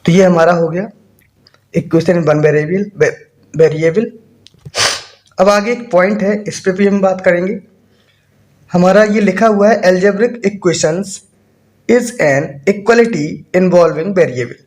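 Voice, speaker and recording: A man with a high voice teaches a school maths lesson. He speaks with a Hindi accent and keeps posing questions to the class before answering them himself. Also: slow, pauses often, darkish tone.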